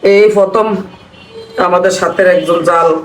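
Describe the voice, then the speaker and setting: A woman's voice: fairly low pitch, fairly even intonation, a little slow. A woman, chatting while cooking and reminiscing in a repetitive, mournful way. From Bangladesh. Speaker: vlogger. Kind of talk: casual chat while cooking. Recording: roomy, from a distance, faint noise.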